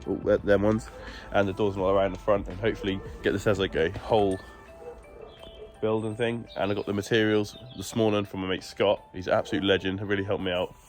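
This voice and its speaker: A DIY vlogger gives a casual update on his garden build, filmed outdoors on a phone camera and walking through each step in a chatty way. His voice sits on the low side with little pitch movement, and he talks fast. He sounds congested and stuffy-nosed, and soft music plays in the background.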